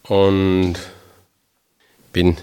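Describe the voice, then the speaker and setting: His voice sits low and smooth with a dark tone, staying monotone and drawing out his words. He is a religious brother in his fifties from Tyrol, Austria, whose Tyrolean accent colors a chatty, homely spiritual talk to a group. He pokes fun at himself and uses dialect phrases.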